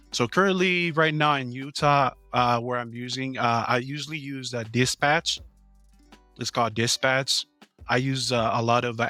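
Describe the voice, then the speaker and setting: Speaking as a guest, a thirties-aged business owner from American Samoa describes his work in relaxed, halting answers crowded with fillers. The mid-range voice comes across bright and forward in a close, dry recording, faint music playing beneath.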